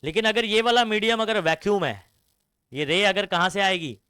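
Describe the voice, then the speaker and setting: A young man with a high, sharp, smooth voice teaches a science lecture at a moderate pace, with no room sound. He mixes English terms into Hindi, constantly quizzes students with call-and-response questions, and scolds them.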